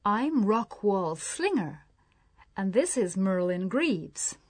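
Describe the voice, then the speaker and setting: A woman's voice: mid-range voice, big pitch swings, slow, no room sound. A woman voicing a male film actor politely pleading with a sheriff, in a lesson story read aloud.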